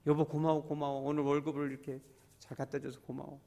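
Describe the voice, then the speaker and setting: Soft-spoken, tender young wife, as a male preacher puts her on, apologetic and loving. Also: a little high, flat delivery, fast talker, gravelly.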